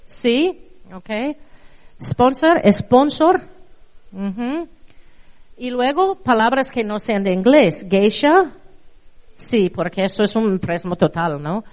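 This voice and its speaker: A woman's voice: fairly high pitch, animated, slow, pauses often, darkish tone. A middle-aged woman from Spain with a Spanish accent, giving a conversational university lecture on translation and often checking in with her audience. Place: lecture hall. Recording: reverberant hall.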